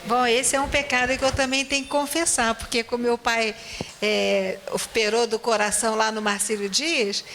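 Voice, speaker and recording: A woman's voice: a little high, steady tone, noisy background. A woman making a light-hearted confession to a church class, chuckling as she speaks. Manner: slow, chuckling asides. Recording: reverberant church hall.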